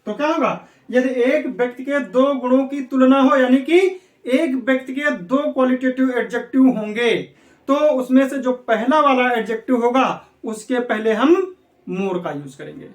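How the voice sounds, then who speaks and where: Heard far from the mic in a room full of echo, an extremely high-pitched male teacher speaks at a moderate pace. His exam-prep grammar lecture is repetitive: he keeps asking his students questions, then supplies the answers on his own.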